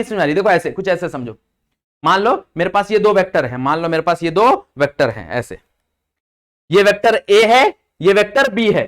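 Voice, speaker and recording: In a classroom lecture blending Hindi and English, a young Indian man with a high voice teaches physics as a tutor. He goes over every point twice, tests his students with questions, and drops his pace sharply whenever he reads English formulas.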